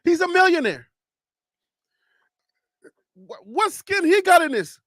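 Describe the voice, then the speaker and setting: At a slow pace, a man with a Liberian accent hosts a live stream and argues emphatically, full of teasing and rhetorical questions. His animated voice rises in pitch as he argues in this casual commentary. The audio is clean studio sound without room sound.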